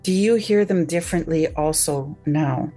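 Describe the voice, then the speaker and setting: Earnest woman host, low voice. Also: normal speed, mellow, slightly rough, faint music behind. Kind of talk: interview hosting, read introduction.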